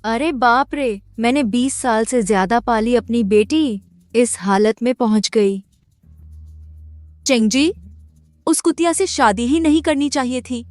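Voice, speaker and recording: A woman's voice: a little high, unhurried, darkish tone, no echo, natural voice. A woman dubbing a grieving mother who wails and curses at her son. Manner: wailing, cursing. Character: grieving mother, furious and wailing. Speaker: dub actor. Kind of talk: Hindi drama dub.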